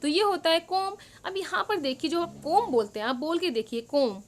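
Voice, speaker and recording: A woman teaching a worksheet lesson to young children, explaining in Hindi and reading English lines slowly. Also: very high-pitched, expressive.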